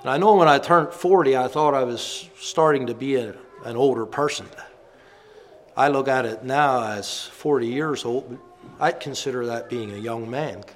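A man's voice: mid-range voice, moderate pace, soft background music. A man in his fifties, a minister giving a reflective sermon and reminiscing about the past. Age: 50s.

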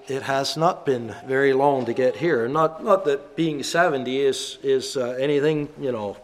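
A man's voice: a little high, fairly bright tone. A man in his fifties, a minister giving a reflective sermon and reminiscing about the past. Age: 50s.

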